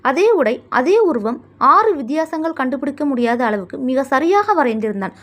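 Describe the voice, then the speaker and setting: A woman storyteller reading a story aloud. Her voice is high and lively, with wide swings in pitch, and her narration is measured and expressive.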